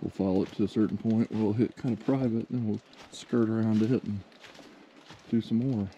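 A man's voice: fairly low pitch, steady tone, fairly quick, warm tone, a little hiss or hum. A man narrating a hike outdoors in a forest in a laid-back, casual way, chuckling often. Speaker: hiking vlogger. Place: outdoors in a forest among boulders.

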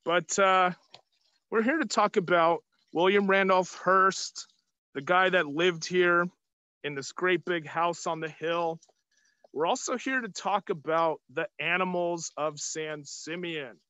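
A man's voice: high voice, measured pace, pushed and bright, smooth, no room sound. A man in his thirties speaking up through a surgical face mask as an upbeat tour guide, hosting a live outdoor tour for children and putting questions to them. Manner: projecting, upbeat, asking the audience questions. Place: outdoors on an open hilltop terrace. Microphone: phone or camera at arm's length, video call.

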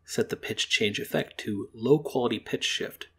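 Speaking at a moderate pace in a mid-range voice that is both creaky and a little breathy, a young man explains audio editing step by step. As host of a library program, he delivers this friendly software tutorial from home, indoors in a kitchen-living room.

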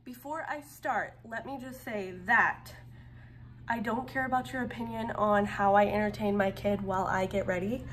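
A woman's voice: mid-range voice, steady tone, moderate pace, fairly bright tone. A woman in her twenties, a stay-at-home mom, chatting casually and rambling a little while filming herself at home. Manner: chatty, rambling, with fillers and restarts. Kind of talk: casual get-ready-with-me vlog. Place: home, by a small guest bathroom. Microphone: phone held at arm's length. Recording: home vlog with faint fan noise. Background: air conditioner hum.

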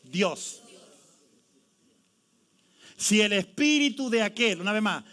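A man preaching a lively sermon as pastor, leading the congregation to read scripture aloud with him. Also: high-pitched, slow. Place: church.

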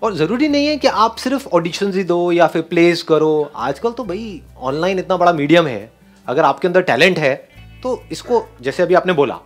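Animated high-voiced motivational speaker man. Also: normal speed, faint music behind. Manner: animated, encouraging, laughs often. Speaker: speaker on stage. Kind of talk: motivational talk with audience.

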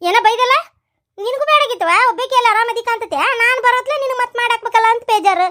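A woman's voice: very high-pitched, fast talker, sharp tone. A woman voicing a self-pitying old village woman in a cartoon, scolding and complaining with a North Karnataka accent. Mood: grumbling. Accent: North Karnataka Kannada.

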